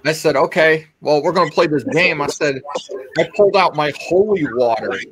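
A man's voice: a little high, normal speed, fairly bright tone. A man on a video call telling rambling stories about his paranormal investigations, with frequent restarts. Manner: rambling, restarts, retells eerie encounters. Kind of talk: casual storytelling on a video call.

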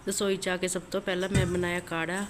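A woman's voice: on the low side, little pitch movement, fast talker, over loud music. Woman narrating a home cooking vlog. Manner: homely, repetitive step-by-step instructions. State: sore throat. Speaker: cooking channel host. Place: home kitchen.

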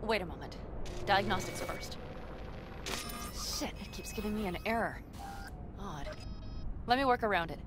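A woman's voice: medium pitch, lively intonation, moderate pace, pauses often, over music, close to an everyday voice. A woman playing a tough, practical young outlaw driver in a video game, blunt, dry and confident. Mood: focused, irritated. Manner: blunt, matter-of-fact, dry. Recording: clear vehicle noise behind voice.

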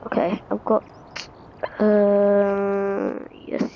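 Slow, gravelly-voiced woman muttering. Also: medium pitch, monotone, phone-quality sound, a little hiss or hum. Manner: muttering to herself, halting. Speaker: gameplay commentator. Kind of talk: casual gameplay commentary.

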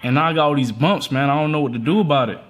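Hosting his vlog from a living room, this young Atlanta man chats in slang and pulls prank calls, talking very fast in a fairly high voice. The background is noisy.

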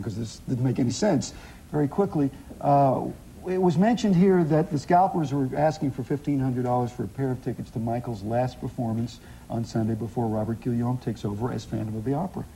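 A middle-aged American man hosting a TV talk show, chatting in a lively way. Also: mid-range voice, fairly quick, slight background noise, rough recording. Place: TV studio with audience.

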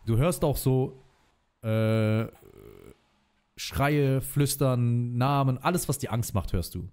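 A man's voice: mid-range voice, takes it slowly, a little mellow, clean tone. A man talking as a guest in a casual livestream chat, telling long personal stories in slangy, chatty speech and calling the host brother.

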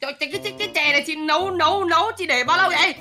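A woman voicing a boastful, gluttonous male duck in an excitable kids' game skit. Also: extremely high pitch, very fast. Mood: pained, alarmed. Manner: excitable, exclaiming, repeats words. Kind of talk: animated Minecraft skit voice acting. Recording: music behind the voice.

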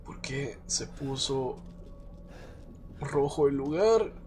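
A man's voice: medium pitch, expressive, extremely slow, darkish tone, a little hiss or hum. A man with a Mexican Spanish accent commentating a live horror game stream, jumpy, swearing and nervously repeating himself. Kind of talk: live let's-play commentary.

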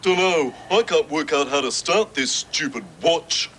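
A man voicing a slow-witted, literal male dog in a puppet show. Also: medium pitch, animated, a bit bright, a little hiss or hum. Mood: dopey.

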